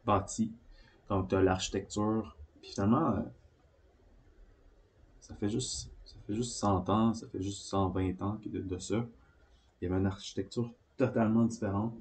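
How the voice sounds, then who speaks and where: A man from Beauce, Quebec, Canada, with a Quebec French accent rambles haltingly through personal reflections, often searching for words. His voice is low with a darkish tone.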